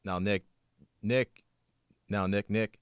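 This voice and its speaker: A man's voice: on the low side, steady tone, clean tone, no room sound, studio quality. A young man co-hosting a college sports podcast, running through scores and stats in an upbeat way with light banter. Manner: reads stats briskly, upbeat promo tone. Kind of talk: scripted sports recap, casual banter.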